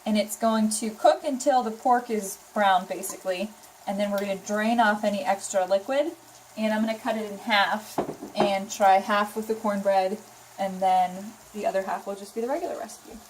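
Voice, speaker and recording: Chatty woman demonstrating cooking over clear sizzle. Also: mid-range voice, fairly even intonation, moderate pace, poor audio. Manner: chatty, explanatory. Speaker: home cook demonstrating a recipe. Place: home kitchen. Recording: sizzling pan noise behind the voice. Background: frying and stirring sounds.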